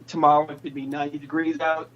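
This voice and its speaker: Over a muffled, noisy phone line, a chatty pop singer in his 20s from New England talks fast and playfully as an interview guest. His high voice barely moves in pitch, and a crowd can be heard in the background of this casual chat.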